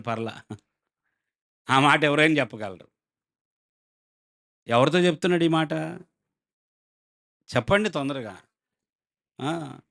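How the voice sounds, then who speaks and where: A male pastor with a Telugu accent delivers a sermon in a slightly higher than usual voice. He works dramatically, acting out the voices of the people he talks about and throwing questions at the congregation. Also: a bit bright.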